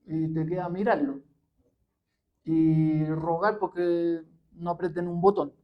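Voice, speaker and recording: A man's voice: fairly high pitch, flat delivery. Man lecturing, dull lo-fi sound. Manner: measured, many pauses and fillers. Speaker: history professor giving a talk. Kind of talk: public talk with questions.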